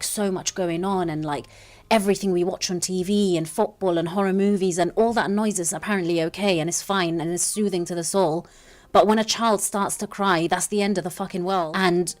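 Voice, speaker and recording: A woman's voice: mid-range voice, dry recording. A young woman, a parent, talking earnestly and passionately in a candid vlog, swearing now and then. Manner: earnest, impassioned, swears casually. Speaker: parent vlogger.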